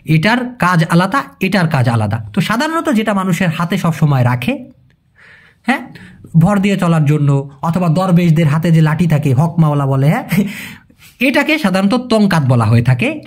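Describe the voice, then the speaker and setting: A man's voice: high-pitched, sing-song, normal speed, a little mellow. A man teaching a language in a casual video lesson, patiently explaining and repeating key terms and quizzing his viewers.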